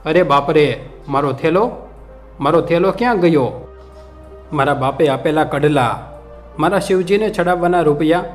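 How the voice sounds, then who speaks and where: A man's voice: fairly high pitch, moderate pace, long pauses, soft background music, close to an everyday voice. A man voicing a poor old pilgrim woman who wails and pleads over her stolen bag, in a told story. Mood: wailing. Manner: wailing, pleading.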